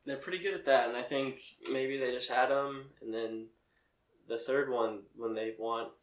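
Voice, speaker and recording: Podcast co-host, male, mid-pitched, agreeable, a bit off-mic, roomy sound. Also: fairly even intonation, moderate pace, slight background noise. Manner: agreeable, chiming in with short replies. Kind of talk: casual movie discussion. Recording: echoey room, mic at a distance.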